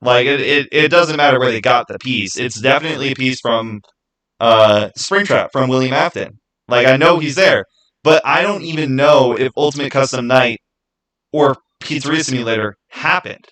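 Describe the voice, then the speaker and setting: Heard over a low-quality recording, a man with a medium-pitched, fairly bright voice talks at a normal speed. He's hosting a live stream, casually debating game theories with viewers, insisting on his views and returning to the same phrases.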